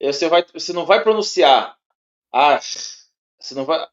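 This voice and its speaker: A man's voice: on the high side, animated. A man with a Brazilian Portuguese accent gives a one-on-one lesson in a slightly raised voice. He restarts phrases, repeats words and keeps asking whether the listener follows. The recording sounds dull and lo-fi. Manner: halting, repeats words, checks in often with tags. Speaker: teacher.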